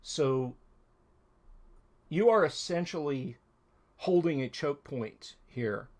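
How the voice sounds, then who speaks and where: A man running a tabletop role-playing game as dungeon master, narrating in an unhurried way with plenty of ums and uhs. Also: on the high side, expressive, a little mellow.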